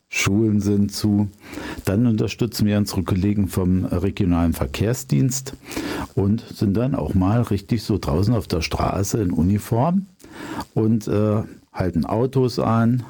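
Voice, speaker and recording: Mellow-voiced man in his fifties. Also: sits low. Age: 50s. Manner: explaining, many fillers. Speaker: police traffic educator. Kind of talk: radio interview.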